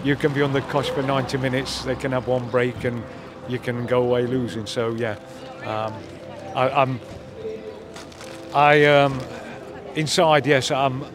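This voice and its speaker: A man's voice: medium pitch, flat delivery, measured pace, noisy background. An older man, a football fan and grandfather, chatting thoughtfully in a street interview with many fillers, held mic outdoors. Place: outdoors by a stadium car park. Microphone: handheld mic held by interviewer.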